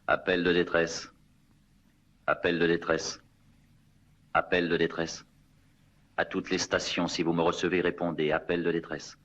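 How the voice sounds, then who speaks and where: An actor playing a resolute conspirator in a dubbed 1960s TV drama, speaking in a terse, deliberate way. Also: male voice, low-pitched, flat delivery, fairly bright tone. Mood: urgent. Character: resolute male conspirator sending an urgent fake distress call. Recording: dull, hissy old TV soundtrack.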